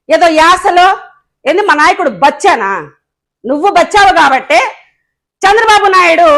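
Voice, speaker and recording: Fiery high-voiced woman. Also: a bit bright. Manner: fiery, sarcastic, full of scolding rhetorical questions. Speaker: local political leader speaking to the press. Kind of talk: combative press statement.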